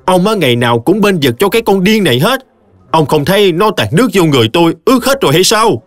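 A stout, hot-tempered older tea-seller woman scolds in a shrill voice pitched well above a man's, as a male narrator puts her on. She barks fast, lively and loud, and never lets up. This is storybook narration. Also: no room sound, faint music behind. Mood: scolding. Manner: scolding, yelling at full tilt.

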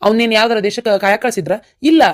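This cartoon voice performance portrays a determined young villager who earnestly and stubbornly insists on becoming a soldier. The North Karnataka Kannada accent comes through in a medium-pitched, lightly acted voice that is very fast with fairly even intonation.

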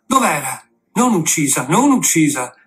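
Male reader as a stern old sea captain, commanding, loud bursts, a touch high. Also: sing-song, measured pace. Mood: urgent. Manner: commanding, declaiming.

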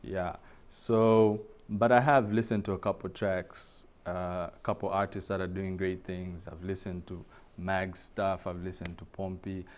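A male artist speaking as a guest in a casual interview, relaxed and agreeable. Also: sits low, measured pace, hardly any pauses.

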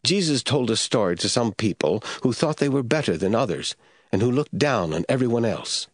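Reading from a script, a man narrates scripture in a measured, formal storytelling style. His mid-range voice is animated, and there's no echo.

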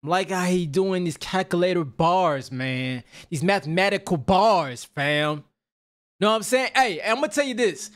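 A young man hosting a reaction video from home, excited and slangy, talking into a desk mic while wearing headphones. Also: high-pitched, unhurried. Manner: hyped, exclamatory, slangy. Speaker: reaction channel host. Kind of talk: casual reaction commentary. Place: home room. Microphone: headset with desk mic.

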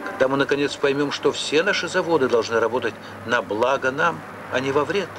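A man reading a scripted voice-over for an old archive newsreel, in a measured manner that builds into rhetorical, accusing questions. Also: mid-range voice, noisy background. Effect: old newsreel narration played from an archive film. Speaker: newsreel narrator. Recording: narration over loud music.

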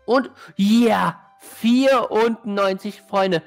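A woman's voice: medium pitch, drawn-out words. A woman hosting a gaming channel, giving casual gameplay commentary and exclaiming in frustration at a hard level. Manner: frustrated, exclaiming, addressing viewers as friends. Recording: faint background music.

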